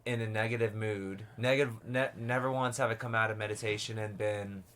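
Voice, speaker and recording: Man, low voice, casual podcast talk, rambling, filler-heavy. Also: fairly even intonation, a little fast, fairly bright tone. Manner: rambling, full of "like" and restarts.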